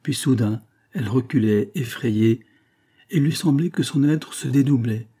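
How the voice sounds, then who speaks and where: A man reading a nineteenth-century novel aloud, in measured literary narration. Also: medium pitch, mellow, breathy edge. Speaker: audiobook reader.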